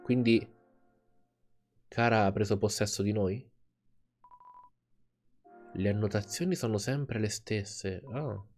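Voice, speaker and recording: Slow-talking man reacting to his game. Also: fairly low pitch, faint music behind. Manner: animated reactions with laughter. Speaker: let's play host. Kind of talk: gaming commentary.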